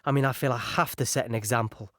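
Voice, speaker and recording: An actor playing a young British signaller recounting a beach landing in an audio drama, halting and shaken. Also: male voice, medium pitch, steady tone, fairly bright tone, dry recording, studio quality, close to an everyday voice. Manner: halting, shaken, recalling horror in present tense.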